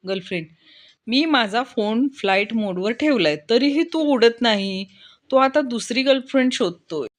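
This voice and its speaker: A woman reads a string of short jokes in a slow, deliberate way. She keeps her voice at an ordinary middle pitch. Each time she names a speaker, her voice drops low and soft. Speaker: joke reader. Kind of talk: reading jokes aloud.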